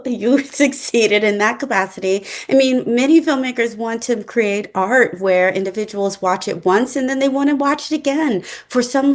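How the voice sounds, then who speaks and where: Measured, reflective woman hosting an interview. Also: a little high. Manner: measured, reflective, academic phrasing. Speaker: host and psychologist. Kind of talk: interview conversation.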